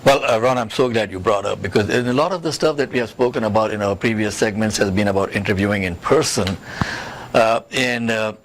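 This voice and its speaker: The recording, clearly noisy in the background, features a career coach and job search expert with a lowish voice talking a little fast. He gives interview advice on careers in an emphatic, teaching manner and repeats the main points.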